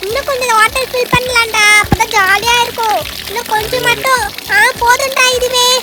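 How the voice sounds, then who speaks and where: A woman's voice: extremely high pitch, steady tone, fairly quick, over music. A woman hosting and narrating a children's doll show, talking cheerfully and chattily to her friends.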